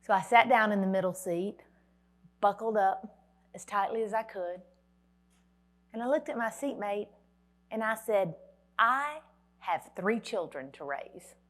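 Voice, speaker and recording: A woman's voice: medium pitch, measured pace, long pauses. Woman telling a dramatic story with humor. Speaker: motivational speaker. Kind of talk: storytelling keynote speech. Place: conference hall.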